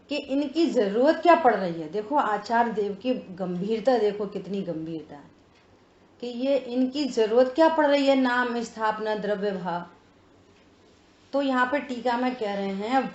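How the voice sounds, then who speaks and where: Woman teaching a scripture class, slow and patient, checks in with her listeners a lot, echoey lo-fi audio. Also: on the high side. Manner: explains slowly, checks listeners with frequent "है ना?"; reads sutra phrases word by word. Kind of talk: religious text study class. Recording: roomy, dull lo-fi sound.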